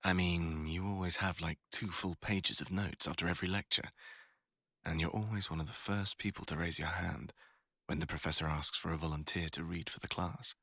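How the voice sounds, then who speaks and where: A young adult man voices a college crush in a boyfriend roleplay, using a very low, bright voice a little rough at the edges, steady in tone and at normal speed. Casual, slangy and sweary, he teases the listener and gripes about poetry like a bored student, sounding admiring and self-deprecating. It's a full character voice in studio quality with no echo.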